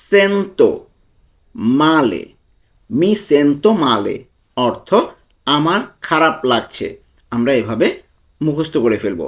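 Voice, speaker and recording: A man teaching a language lesson, breaking each phrase into words and repeating them patiently. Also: medium pitch. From Bangladesh. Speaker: language tutor. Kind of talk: slow spoken language lesson.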